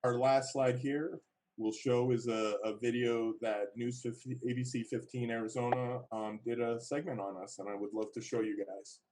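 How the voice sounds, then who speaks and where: A man presenting his program in an online talk, halting, with lots of fillers and restarts. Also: mid-range voice, flat delivery, darkish tone, slight background noise, low-quality recording.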